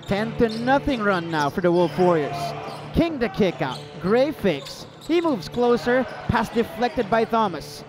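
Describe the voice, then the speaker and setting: A man with a high voice calls a live basketball game play by play, firing off short, rapid calls as the action moves. On the big plays he breaks into a shout over the arena. The delivery is brisk and continuous. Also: very animated. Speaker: play-by-play commentator. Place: indoor arena.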